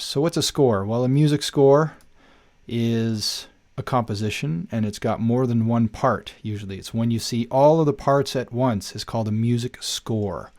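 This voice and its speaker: A man in his forties, a music teacher talking his students through a software tutorial step by step in a casual, chatty way, often checking in with "okay?". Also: medium pitch, no echo. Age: 40s. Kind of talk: screen-recorded software tutorial. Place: at his computer, indoors.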